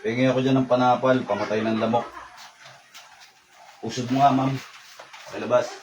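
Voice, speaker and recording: A man leading a faith healing session, reciting rapid Latin prayers and giving short, repeated commands. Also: medium pitch, fairly even intonation, slight background noise, poor audio. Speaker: faith healer.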